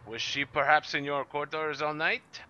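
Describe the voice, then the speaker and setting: A man's voice: fairly high pitch, little pitch movement, normal speed, pushed and bright, clean tone, dull audio, voice pushed up. A man voicing a pompous, overly courteous sailor dandy with a mustache-twirling villain's theatrical flourish.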